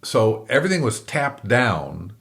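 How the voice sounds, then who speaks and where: A man's voice: mid-range voice, big pitch swings, measured pace, gravelly, fairly bright tone. A middle-aged man, a comedian guest on an interview show, telling candid stories and acting out the voices in them with self-mocking humor. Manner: self-deprecating, acts out quoted exchanges. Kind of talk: candid conversational storytelling.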